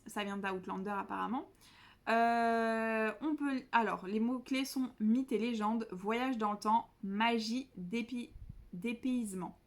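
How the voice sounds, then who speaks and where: A chatty young woman talks through her reading plans in a casual vlog. Her voice sits a little high, and she keeps stumbling, restarting and poking fun at herself as she goes. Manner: chatty, self-mocking, many fillers and restarts. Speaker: book vlogger. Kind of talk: casual chat.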